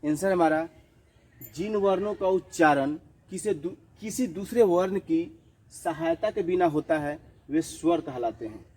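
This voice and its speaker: A man teaching a children's grammar lesson, repeating each definition slowly, asking questions and answering them himself, and mixing in English words. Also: on the high side, lively intonation, a little mellow, rough recording. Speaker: school teacher.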